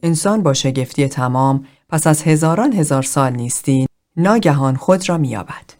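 A woman voices a detached, bookish man from a novel read aloud. He lectures in a measured recital, low and cool. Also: expressive, darkish tone. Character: cool erudite man quoting philosophy.

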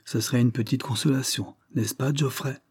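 A man voicing a chattering young woman, a lord's sister, with a twittering little voice that gushes on without pause. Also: medium pitch, steady tone, slightly rough, pitched above the performer's own voice.

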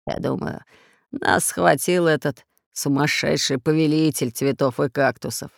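Woman reader doing a gruff, hoarse fat pirate, voice dropped low, dry close sound. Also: unhurried, no room sound. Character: fat red-bearded male pirate, gruff and scheming. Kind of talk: audiobook character voice.

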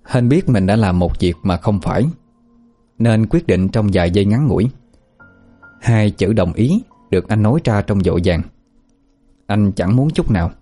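A man reading a dramatic story aloud in earnest, steady scripted narration. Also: fairly low pitch.

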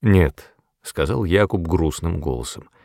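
Man, audiobook narration, gravelly, dry close sound, measured reading. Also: low-pitched, animated, a little mellow, no echo. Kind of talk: scripted narration.

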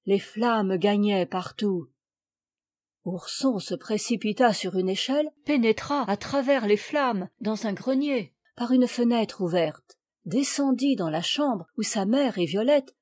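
A woman reading a classic children's fairy tale aloud as an audiobook, lifting her voice for the characters' cries. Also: darkish tone. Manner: acts out the characters' cries with raised pitch and volume. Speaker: audiobook reader.

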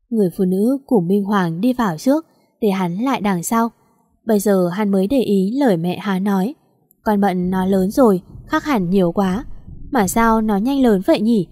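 A woman narrating a story in a plain, even storytelling manner. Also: mid-range voice, dry recording, clean studio sound.

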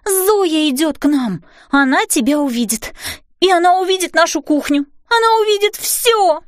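A woman's voice: high-pitched, big pitch swings, a little fast, no echo, clean studio sound, pitched above the performer's own voice. A woman voicing an anxious seven-year-old girl in a children's storybook, speaking urgently. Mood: panicked. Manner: urgent, panicky.

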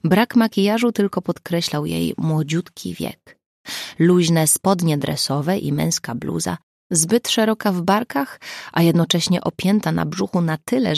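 Woman reading a crime audiobook, gravelly low voice, super dry close sound. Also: a little mellow, no room sound. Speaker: audiobook narrator. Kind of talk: scripted narration.

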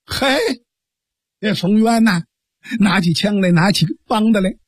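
A man narrating a traditional Chinese storytelling piece in a lively, dramatic manner with vocal sound effects. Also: high voice, moderate pace, breathy edge, dry recording, clean studio sound.

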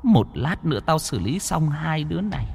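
Vengeful woman ghost, voiced by a man, snarling, taunting, high and hushed, faint music behind. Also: very animated, moderate pace, slight background noise. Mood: furious. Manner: snarling, taunting, breathy cackles. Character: vengeful female ghost, cruel and mocking.

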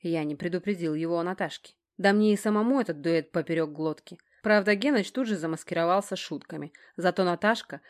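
A woman narrating a first-person audiobook in a measured, expressive storytelling manner. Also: on the low side.

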